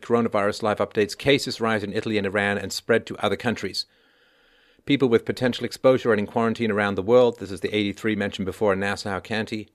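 Man, lowish pitch, news commentary host, emphatic phrasing, deliberate delivery. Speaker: online commentary show host. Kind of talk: news commentary, reading out reports to listeners.

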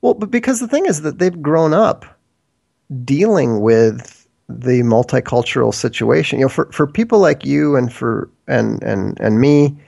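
A man's voice: medium pitch, a little slow, vocal fry, a little mellow. A man from Minnesota, a guest in a casual, rambling discussion. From United States, Minnesota. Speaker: interview guest.

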